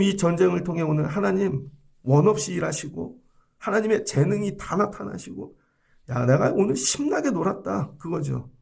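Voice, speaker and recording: High, gravelly-voiced man preaching. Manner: lively preaching, acts out quoted voices, jumps between loud and hushed. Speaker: pastor. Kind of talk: dawn service sermon. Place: church sanctuary.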